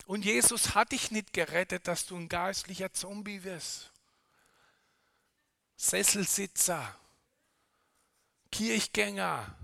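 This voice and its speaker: A middle-aged man delivers an impassioned motivational sermon in a high, bright, forceful voice. He speaks slowly and deliberately, challenging his listeners directly with pointed questions and everyday phrases. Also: creaky, no room sound, studio quality. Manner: challenging, direct address with rhetorical questions and colloquial asides. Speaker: preacher.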